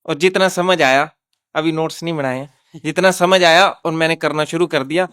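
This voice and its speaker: A man's voice: a little high, moderate pace, clear, resonant tone, no room sound, studio quality. A man who teaches at a government school, telling how he changed the way he teaches, acting out his own words and his pupils' replies as he goes. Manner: animated anecdotal telling, quoting his pupils. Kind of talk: storytelling in a talk show.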